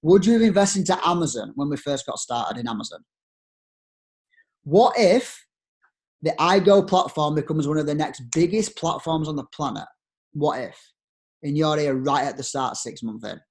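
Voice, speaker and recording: This young man from Yorkshire, broad accent and all, pitches network marketers via screen share in an upbeat, convincing way, leaning on rhetorical questions. He talks at a normal pace, his voice a little mellow.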